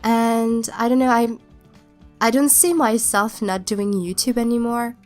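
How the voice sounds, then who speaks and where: A young woman with a cold narrates a speed build for her YouTube channel, her stuffed-up voice fairly high and steady as faint music plays behind her. She isn't a native English speaker, and her unhurried, casual voiceover rambles and hesitates, restarting often.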